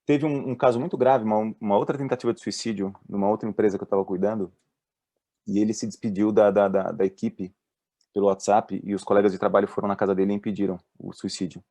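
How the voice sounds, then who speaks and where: A man with a Brazilian accent, a doctor giving a talk on mental health at work, telling lively stories and voicing the people in them. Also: fairly low pitch, fast talker, no echo. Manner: lively storyteller, voices the people in his stories. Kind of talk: presentation with acted-out anecdotes.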